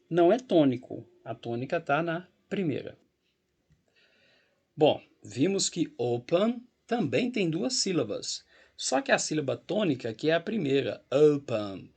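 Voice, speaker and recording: A man's voice: a little high, gravelly, a little mellow, husky. A man with a Brazilian Portuguese accent teaching an English grammar lesson, explaining patiently while walking through a website and checking in with the class often. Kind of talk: recorded grammar lesson with screen walkthrough.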